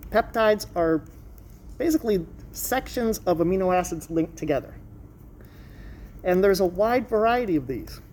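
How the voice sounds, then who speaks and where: A woman's voice: mid-range voice, mellow. A woman lecturer explaining material to a class and checking understanding with questions, her voice muffled by a face mask. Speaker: college lecturer. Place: classroom in front of students. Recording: noisy live classroom recording.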